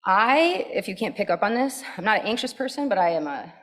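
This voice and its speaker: A woman psychologist giving a conference presentation to parents, energetic and animated, often checking in with "right?" and "okay?". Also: medium pitch. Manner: energetic, animated and quick to react. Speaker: pediatric psychologist.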